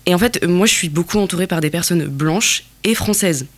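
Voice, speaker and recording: A woman from Algeria, a guest in an interview, speaking thoughtfully with many pauses and restarts. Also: on the low side. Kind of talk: reflective interview talk.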